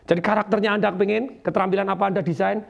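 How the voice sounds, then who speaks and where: A middle-aged man giving an energetic motivational seminar talk to a live studio audience, asking questions and waiting for replies. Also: high voice, very fast, vocal fry, highs cut off. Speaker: motivational speaker.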